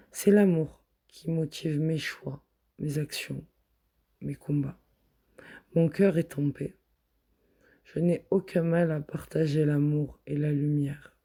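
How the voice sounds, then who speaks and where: Man, guided meditation, soft repeated affirmations, very dark mellow tone, breathy. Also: on the high side. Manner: slow, soft, repetitive affirmations.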